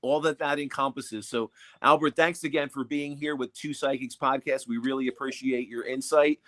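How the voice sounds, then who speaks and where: A man's voice: mid-range voice, fairly even intonation, normal speed, a bit bright. A man co-hosting a podcast, upbeat as he asks questions and thanks his guest. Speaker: podcast co-host. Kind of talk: casual interview.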